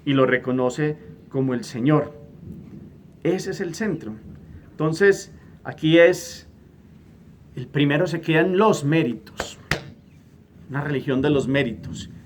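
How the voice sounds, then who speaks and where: A middle-aged man gives a Sunday gospel homily as a priest. He speaks emphatically at a middle pitch, often repeating a word as he searches for the next phrase, and lifts his voice when he acts out quoted prayers. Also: a little slow, long pauses, a little hiss or hum.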